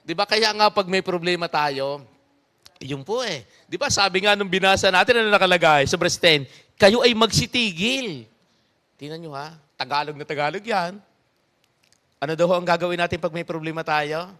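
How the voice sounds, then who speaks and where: A male pastor delivers an easygoing sermon, his voice sitting slightly high. He chuckles often and keeps throwing rhetorical questions to the congregation. His delivery stays animated and talky. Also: brisk. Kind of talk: conversational sermon.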